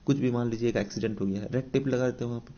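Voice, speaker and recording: A man with an Indian accent teaches vocabulary in a coaching-lesson style, with a husky, mellow voice. He repeats each point and asks his students rhetorical questions. The recording sounds dull and lo-fi. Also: medium pitch, fairly even intonation, racing. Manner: explains with repetition and rhetorical questions; mixes English definitions into Hindi speech.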